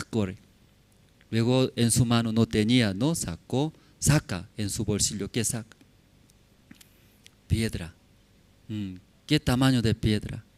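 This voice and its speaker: A man's voice: mid-range voice, a little mellow. A man preaching a sermon in a church, telling a story with many rhetorical questions to the congregation and speaking in simple, broken phrases. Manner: non-native Spanish with simplified grammar. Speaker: pastor.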